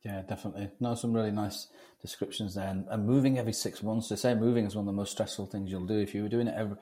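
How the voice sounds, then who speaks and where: A man's voice: on the low side, steady tone, rapid-fire, dark tone. A man hosting a podcast, chatting informally as he introduces and interviews a guest. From North East England. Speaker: podcast host.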